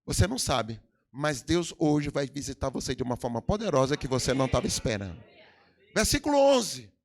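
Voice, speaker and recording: A middle-aged Brazilian pastor with a Brazilian Portuguese accent preaches a sermon in a church hall, his delivery full of emphatic swells and sudden drops. His medium-pitched voice is brisk and sing-song.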